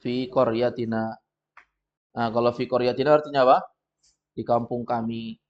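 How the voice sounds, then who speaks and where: A man with an Indonesian accent leads a classroom lesson at an even middle pitch. He guides students patiently, spelling things out step by step and reading sentences slowly and loudly. The recording is muffled and lo-fi. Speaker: Arabic teacher. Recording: dull lo-fi recording.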